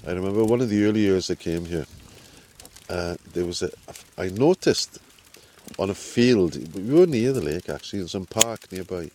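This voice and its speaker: Welsh guy, deep voice, casually telling stories outside. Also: lively intonation, moderate pace, a little mellow, a little hiss or hum. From Wales. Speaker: visiting angler. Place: outdoors.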